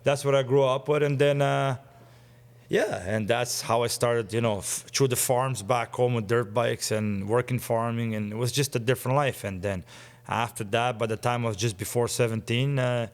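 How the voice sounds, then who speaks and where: A man's voice: mid-range voice, steady tone, normal speed. A man in his forties, a guest telling stories in casual chat, eager and rambling with frequent chuckles. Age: 40s.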